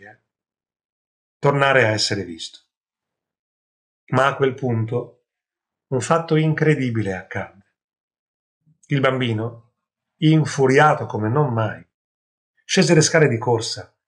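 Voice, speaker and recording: A man narrating a fairy tale in a measured voice, with wry, conversational asides to the listener. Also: mid-range voice. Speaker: storyteller.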